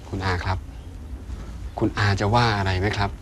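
A man as a nervous young suitor, low-voiced. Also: steady tone, moderate pace, a bit bright, a little hiss or hum, natural voice. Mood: earnest. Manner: hesitant, polite, stammering. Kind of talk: Thai TV soap acting. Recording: music score underneath.

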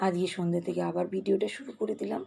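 At home in her kitchen, a lifestyle vlogger chats fast and restlessly about her chores in casual narration. Her voice is lowish and mellow, with fairly even intonation and vocal fry. Slight background noise is audible.

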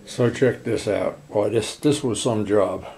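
A man's voice: fairly low pitch, measured pace, vocal fry, darkish tone. A man chatting casually through a motorcycle DIY project in his garage, rambling with jokey asides. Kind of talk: casual workshop vlog.

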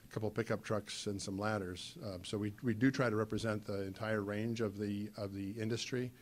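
A middle-aged man on a conference panel, talking from a podium mic in a meeting room, halting with many fillers and restarts. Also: on the low side, flat delivery, a little hiss or hum. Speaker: trade association panelist.

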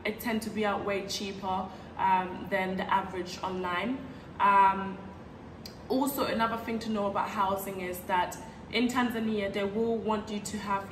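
A young woman from Ghana giving casual advice in a vlog, chatty, with frequent "um" fillers, filmed on a sofa in a bright living room by a camera set back from her. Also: mid-range voice. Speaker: vlogger. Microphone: fixed camera at a distance. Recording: roomy, distant mic with background hiss.

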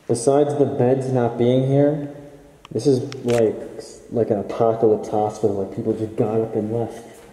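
A man's voice: medium pitch, flat delivery, normal speed, dark tone. A young man exploring an abandoned hospital, giving casual, awed, speculative commentary as he walks through with a camera while wearing a respirator mask. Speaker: urban explorer. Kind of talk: casual guided walkthrough. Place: large abandoned hospital, indoors. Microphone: camera-mounted mic, wearing a respirator mask. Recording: echoey empty halls.

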